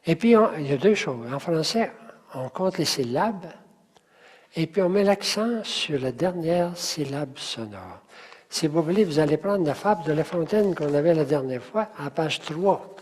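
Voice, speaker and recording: A man's voice: on the high side, expressive, a little slow, darkish tone, slightly rough, big-room sound. A man teaching a poetry class, patiently explaining and counting syllables aloud while asking the group questions.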